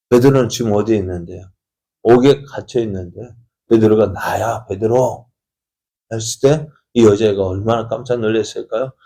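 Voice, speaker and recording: A man preaches to his congregation in a low, mellow voice. He tells the story vividly, pausing often to ask the listeners questions and briefly voicing the people in it, the way a pastor does at an early-morning service. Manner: acts out the characters' dialogue in changing voices.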